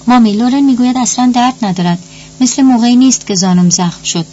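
A woman's voice: a little high, dark tone, dull audio, a little hiss or hum, voice pushed up, natural voice. A woman voicing an innocent, naive little girl. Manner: naive, childlike.

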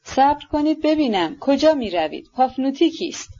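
A woman voicing a haughty, irritable older noblewoman who fires sharp, impatient questions, on a dull lo-fi recording. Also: sits high, very animated, pitched above the performer's own voice. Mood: imperious.

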